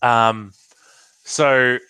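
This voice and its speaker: A man's voice: medium pitch, fairly even intonation, extremely slow, bright, forceful tone, smooth, no room sound, poor audio. A man narrating his character in a tabletop storytelling game, hesitant with many ums and restarts.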